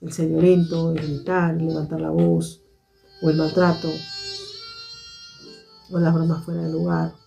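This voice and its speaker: A woman hosting a live stream, speaking to her viewers in a measured, reflective way and repeating her key points. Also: deep voice, level tone, creaky, dark tone, soft background music.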